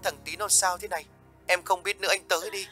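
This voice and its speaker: A man's voice: mid-range voice, lively intonation, normal speed, soft background music, natural voice. A male storyteller voicing a young mother who pleads and weeps in a horror audio story, speaking in a raised, strained voice. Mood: sobbing. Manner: tearful, pleading. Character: young mother, frantic and grieving woman.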